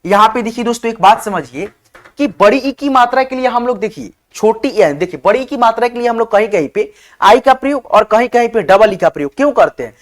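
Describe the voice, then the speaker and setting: Man slowly spelling words for learners. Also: very high voice, animated. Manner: often says "okay, friends". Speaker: English teacher. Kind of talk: online spelling lesson.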